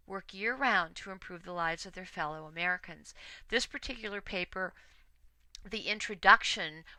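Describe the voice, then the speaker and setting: Bright, crisp-voiced woman teaching writing. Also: mid-range voice, dry recording, poor audio. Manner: conversational, with fillers and self-corrections. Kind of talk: recorded classroom lecture.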